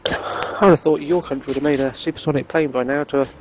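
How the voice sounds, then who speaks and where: A man's voice: fairly high pitch, steady tone, fast. Dryly teasing man on noisy chat. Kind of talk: casual banter.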